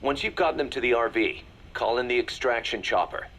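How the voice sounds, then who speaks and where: A male actor voices a serious military second-in-command in a video game. He delivers a briefing in a businesslike, measured way. His voice is medium-pitched and a bit bright.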